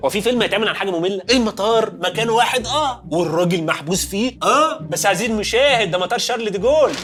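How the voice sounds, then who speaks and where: A man's voice: sits high, bright, forceful tone. A man with an Egyptian accent hosts a comedic science show. He narrates playfully and keeps turning to the viewer as "dear". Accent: Egyptian Arabic. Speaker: host.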